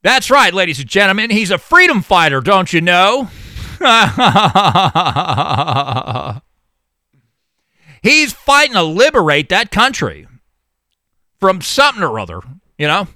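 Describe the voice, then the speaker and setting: A man's voice: high-pitched, huge pitch swings, slow, long pauses, sharp tone, no echo, studio quality. A man giving sardonic commentary, reading news excerpts and mocking them with laughter. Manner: mocking, laughs at his own jokes; reads news excerpts, then riffs on them. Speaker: political commentator.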